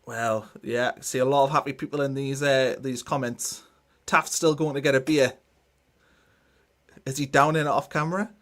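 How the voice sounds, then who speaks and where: A man's voice: medium pitch, fairly even intonation, moderate pace, a bit bright. A man hosting a football watchalong, chatting casually about the match, teasing and cheering.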